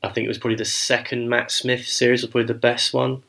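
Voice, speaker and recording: A man co-hosting a podcast, talking in casual, animated chat and swearing freely. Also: medium pitch, fast talker, vocal fry. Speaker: podcast co-host.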